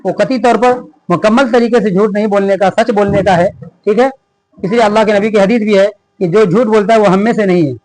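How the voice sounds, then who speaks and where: High-voiced man teaching a reading lesson. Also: a little mellow, poor audio. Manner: reads text slowly, then explains quickly. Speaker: religious teacher. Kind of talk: reading lesson aloud with explanations.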